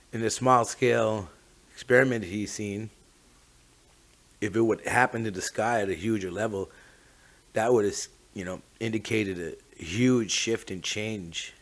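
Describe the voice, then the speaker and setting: A man with a Mi'kmaq First Nations Canadian English accent giving an informal, reflective, rambling talk, often tagging his phrases with "eh". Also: on the low side. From Mi'kma'ki, eastern Canada. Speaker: host of a talk on traditional teachings.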